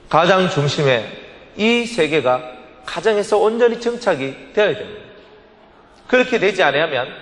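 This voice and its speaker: A man's voice: high voice, a bit bright, a little hiss or hum. A male pastor preaching a sermon emphatically, asking rhetorical questions and answering them himself. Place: church sanctuary. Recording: echoey church hall.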